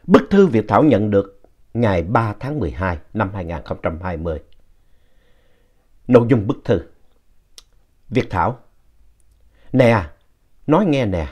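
A man telling ghost stories in an expressive, playful narration, reading out a listener's letter. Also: lowish voice, measured pace, pauses often. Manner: animated, playful reading with lively shifts in tone.

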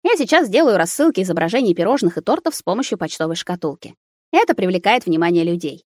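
A woman voicing a scheming young witch who runs a bakery, in a storybook reading, talking in a brisk, lively way. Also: lowish voice, dry recording, clean studio sound.

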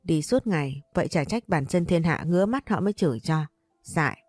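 A woman's voice: deep voice, animated, a little fast, a little mellow, no echo, soft background music. A woman voicing a cocky, lazy young man who talks back to his mother in a cheeky, offhand way.

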